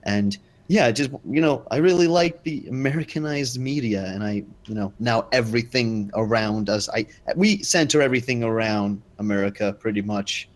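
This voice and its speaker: A man's voice: mid-range voice, moderate pace, few pauses. A man from Iceland, a native Icelandic speaker, chatting casually as a podcast guest in a rambling, self-deprecating way. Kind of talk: casual chat.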